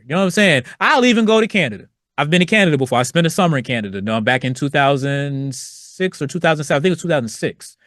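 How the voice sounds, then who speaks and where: A man's voice: a little high, a bit bright, dry recording, studio quality. A middle-aged man from Virginia hosting a solo podcast, talking loosely and profanely in slang and acting out quoted voices along the way. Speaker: podcast host.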